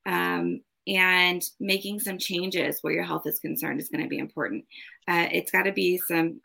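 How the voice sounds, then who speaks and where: A woman's voice: fairly low pitch, steady tone, moderate pace, creaky, sharp tone. A woman giving a casual spoken card reading as host, advising in an emphatic, repetitive way. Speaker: tarot card reader and host.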